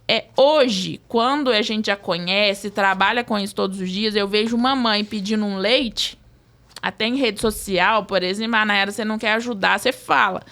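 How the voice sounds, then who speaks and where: A woman's voice: mid-range voice, moderate pace, a bit bright. A Brazilian woman, a social services guest on a podcast, explaining earnestly at length with many fillers. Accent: Brazilian Portuguese.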